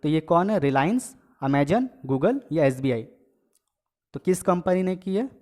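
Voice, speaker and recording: Male exam tutor, fairly high voice, casual quiz delivery, reads out options, keeps checking in with "okay". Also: lively intonation, measured pace, a little mellow. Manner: reads questions and options aloud, then gives the answer; repeats each question and adds filler checks like "okay". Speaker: exam coaching teacher.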